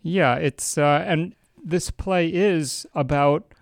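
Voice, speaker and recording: A man hosting an interview, reading out background facts and asking questions in a measured, informative way. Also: fairly high pitch, no echo, clean studio sound. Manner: measured, informative, some fillers. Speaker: interviewer, host.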